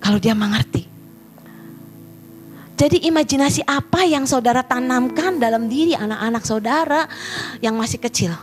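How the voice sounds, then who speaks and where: A woman pastor preaching a sermon in an animated way, often turning to address the congregation directly. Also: fairly high pitch, normal speed, long pauses, faint music behind.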